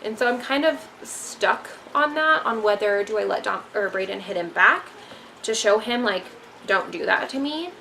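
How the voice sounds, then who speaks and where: A woman's voice: medium pitch, normal speed, creaky, bright, forceful tone, a little hiss or hum, rough recording. A young woman vlogging casually about raising three kids, talking frankly and rambling with many ums. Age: young adult. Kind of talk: casual parenting talk to camera.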